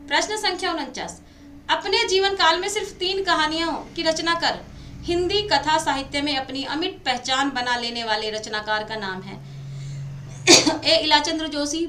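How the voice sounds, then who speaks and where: A woman's voice: high voice, sharp tone. A woman teacher running an exam-prep lesson, reading quiz questions and their options aloud, then confirming the answer and addressing her students affectionately as "beta". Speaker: Hindi teacher. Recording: echoey room, faint background noise.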